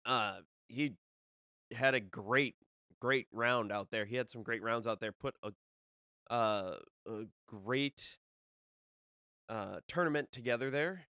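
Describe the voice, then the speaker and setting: Hosting a disc golf podcast as a casual solo live stream, a young man rambles along with lots of fillers and restarts. His mid-range voice is smooth, resonant, pushed and bright, a little nasal from a cold, and he takes it slowly with long pauses. The recording is dry and close, with no room echo.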